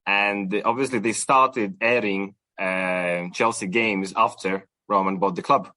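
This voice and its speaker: A young adult man from Ukraine is a supporters club guest on a casual podcast interview, chatting with many fillers and restarts. His fairly low voice is pushed and bright, with a steady tone and a slightly slow pace, and there's no room sound.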